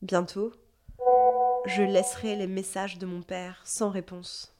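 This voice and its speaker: A woman's voice: medium pitch, little pitch movement, loud music behind the voice. Introspective Parisian-accented woman narrating. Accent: Parisian French. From Lebanon. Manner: measured, introspective. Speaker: narrator telling her own story. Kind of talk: scripted first-person narration, literary.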